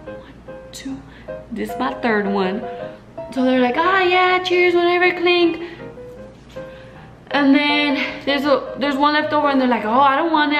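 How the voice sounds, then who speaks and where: A woman's voice: sits high, roomy sound, rough recording. Chatty young woman telling party stories. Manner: chatty, animated quoting with frequent fillers. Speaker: vlogger. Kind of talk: casual storytelling.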